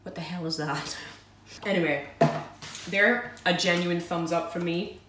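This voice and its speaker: A food vlogger with a low-ish, steady voice speaks a little slowly as she unboxes and tastes snacks, chatting casually, giggling, and poking fun at herself. The room is echoey, the mic is set at a distance, and there is faint noise.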